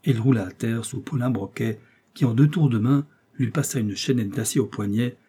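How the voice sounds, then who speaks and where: A man narrating an adventure novel aloud in a measured, dramatic storytelling manner. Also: mid-range voice, mellow, husky. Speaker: audiobook narrator. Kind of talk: scripted narration.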